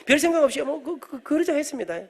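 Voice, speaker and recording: A middle-aged man, preaching an animated storytelling sermon in a church and joking with the congregation. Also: extremely high pitch, quick pace. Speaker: guest preacher, professor. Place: church sanctuary.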